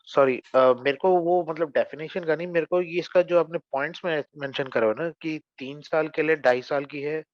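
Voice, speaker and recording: A man's voice: fairly high pitch, steady tone, moderate pace, few pauses, muffled recording. A man taking part in a group session, hesitantly asking for points to be explained again. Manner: hesitant, asks for points to be repeated. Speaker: session participant asking questions.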